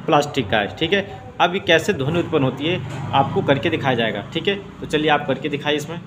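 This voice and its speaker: A man's voice: on the high side, lively intonation, a little fast. Man, science teacher, demonstration lesson, repetitive fillers, noisy background. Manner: repeats "theek hai" and "doston" often.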